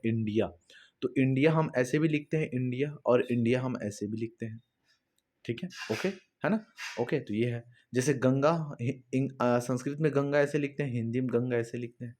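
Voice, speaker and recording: A man's voice: medium pitch, a little mellow. Man, teacher, exam-prep lesson, repetitive explaining, asks and answers own questions. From Chhattisgarh. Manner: addresses students directly with fillers like "है ना".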